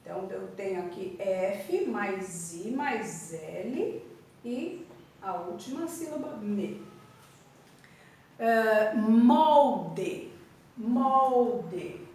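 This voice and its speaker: A woman's voice: mid-range voice, animated, slow, long pauses, darkish tone. A woman teaching a literacy lesson, spelling out syllables letter by letter and repeating each word. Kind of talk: slow classroom literacy lesson. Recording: echoey room from far off.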